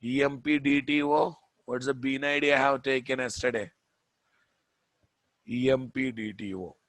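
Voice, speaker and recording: A man's voice: mid-range voice, fairly even intonation, normal speed, a bit bright, no room sound. A man giving a live coding lecture as an instructor, repeating himself and prodding listeners with questions. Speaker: programming instructor.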